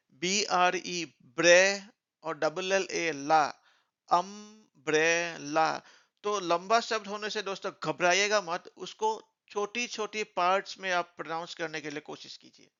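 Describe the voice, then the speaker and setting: A man teaching beginner English in a lesson, speaking slowly and spelling words out letter by letter. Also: high-pitched, bright, forceful tone, clear, resonant tone, dull audio.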